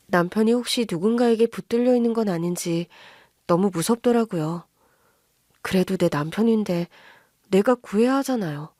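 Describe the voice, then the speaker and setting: A woman's voice: medium pitch, dark tone, dry recording, clean studio sound. A woman narrating a first-person story in a confiding storytelling manner for a story radio channel.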